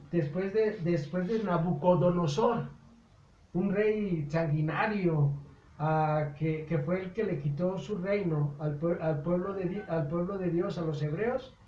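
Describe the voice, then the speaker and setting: A man's voice: high-pitched, slight background noise. A man with a Mexican Spanish accent giving an informal Bible lesson in a folksy, repetitive way, with many stammered restarts. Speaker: Bible teacher. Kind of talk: informal catechesis lecture. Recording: roomy dull lo-fi recording.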